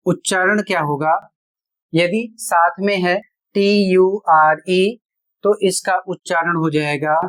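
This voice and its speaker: A teacher giving a spoken pronunciation lesson, spelling words out letter by letter and explaining each rule step by step with rhetorical questions. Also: medium pitch. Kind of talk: classroom-style spoken lesson.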